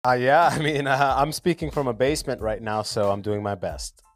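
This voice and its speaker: A man's voice: medium pitch, fairly even intonation, a little fast. A man from Sudan in his thirties, a comedian guest chatting casually on a podcast from his basement, joking and laughing between lines. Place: home basement.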